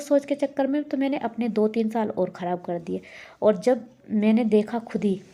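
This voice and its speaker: A woman's voice: mid-range voice, mellow. A woman in her thirties, a homemaker vlogging, talking casually and earnestly to encourage her viewers. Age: 30s. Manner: earnest, encouraging, repeats herself. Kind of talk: casual motivational vlog talk.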